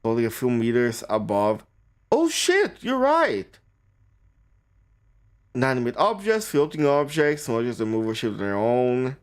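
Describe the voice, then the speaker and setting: A male streamer reading a game's on-screen text aloud, stumbling and restarting on words, with quick remarks of his own. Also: medium pitch, animated, clear, resonant tone.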